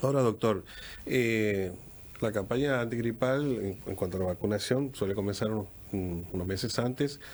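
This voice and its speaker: A man with an Argentine accent hosting a radio interview, talking in halting phrases with many restarts. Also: on the low side, a little mellow, a little hiss or hum. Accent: Argentine Spanish. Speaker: radio host.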